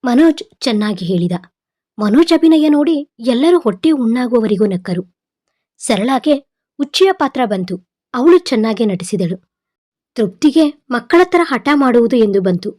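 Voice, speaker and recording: A woman narrating a romantic audio story in a steady, measured reading. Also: a little high.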